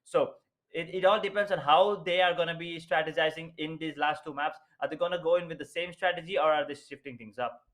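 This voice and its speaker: A man's voice: a little high, fairly even intonation, fairly quick, a bit bright. A young man, giving chatty live analysis as co-caster of an esports match. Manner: chatty analysis, asks rhetorical questions.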